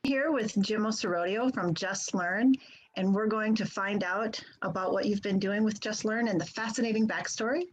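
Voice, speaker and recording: A woman's voice: medium pitch, poor audio. A middle-aged woman interviewing a guest over a video call in a friendly, curious way.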